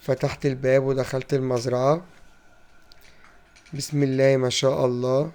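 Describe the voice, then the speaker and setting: A man's voice: mid-range voice, level tone, normal speed, mellow, smooth. A man with an Egyptian Arabic accent narrating a playful farm vlog, telling funny stories about talking with the animals. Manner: playful, acts out talks with animals. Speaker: vlogger. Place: farm in the countryside.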